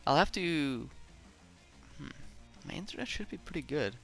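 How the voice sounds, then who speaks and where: A man co-hosting a casual podcast over a voice call, relaxed and a little hesitant, his failing headset making the audio choppy. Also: a little high, normal speed, vocal fry, soft background music. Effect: glitchy choppy internet audio. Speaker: podcast co-host. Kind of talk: casual chat about a board game.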